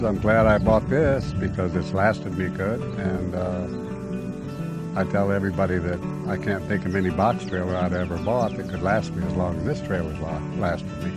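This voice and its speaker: Folksy older man, low voice. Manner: folksy, easygoing, rambling with fillers. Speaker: full-time RV traveler. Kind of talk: casual conversational storytelling. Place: inside his travel trailer. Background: loud guitar music.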